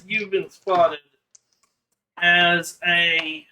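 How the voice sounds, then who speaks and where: Game master, man, high bright voice, slow, halting delivery. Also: flat delivery, a little hiss or hum, low-quality recording. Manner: halting, describes with many fillers. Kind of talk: narrating a tabletop game.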